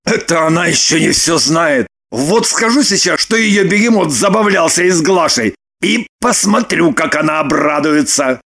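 A woman voicing a heartbroken, furious man in an audiobook, shouting and wailing in long, drawn-out outbursts. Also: low-pitched, animated, exaggerated voice. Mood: aggrieved. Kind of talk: audiobook character voice.

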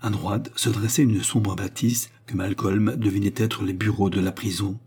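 A man reading a novel aloud in a steady, measured narration. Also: on the low side, creaky, slightly rough. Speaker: audiobook reader. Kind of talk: scripted narration.

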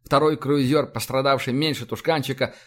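A man narrating an audiobook in a steady, dramatic reading. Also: medium pitch, a little fast. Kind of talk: scripted narration.

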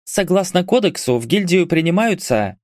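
A man's voice: high voice, lively intonation, moderate pace, no room sound, clean studio sound, voice pushed up. A man voicing a short, friendly young woman who talks in a soothing, persuasive way. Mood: formal.

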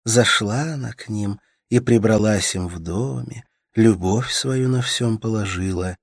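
A man's voice: lowish voice, measured pace, gravelly, slightly rough, no room sound, pitched above the performer's own voice, heavily acted. A man voicing a tender, caring young woman. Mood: storytelling. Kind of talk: audiobook character voice.

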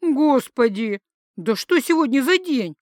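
A woman reading aloud gives a stubborn young woman who refuses to be pushed around. She speaks high and very animated, full of indignation and mockery. The voice is close and dry. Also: a little slow, dry recording. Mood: indignant. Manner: indignant, mocking retorts. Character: young woman, sharp-tongued, stubborn and principled.

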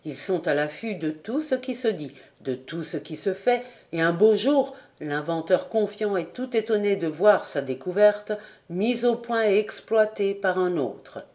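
A woman reading the part of a kindly older male factory director in an audiobook, speaking in a calm, paternal and reassuring way. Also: mid-range voice, a little slow, close to an everyday voice. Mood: fatherly. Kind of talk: audiobook character voice.

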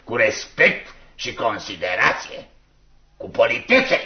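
An actor playing a curt, sullen older innkeeper in a radio play, speaking slowly and formally. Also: male voice, medium pitch, very animated, natural voice. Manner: curt, then slow and formal. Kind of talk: radio drama acting. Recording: dull lo-fi radio recording, echoey.

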